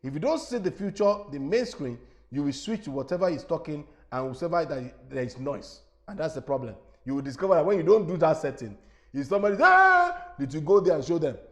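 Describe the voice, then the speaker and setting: A man with a Nigerian accent giving an instructional webinar as an evangelist, animated and repetitive, often checking whether his listeners follow. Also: on the high side, brisk. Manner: animated, repetitive teaching with rhetorical questions.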